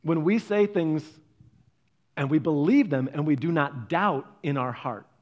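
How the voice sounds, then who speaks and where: Man, sermon delivery, fairly high voice, lively acted-out quotes. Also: unhurried, dull audio. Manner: animated, acts out quoted voices with big pitch jumps. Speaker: pastor.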